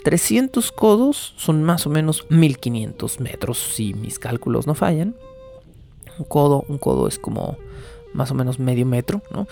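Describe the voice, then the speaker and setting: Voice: medium pitch, sing-song, a little slow, vocal fry, dark tone, soft background music. A speaker giving a casual, wry, digressive lecture that retells an old text and keeps explaining asides.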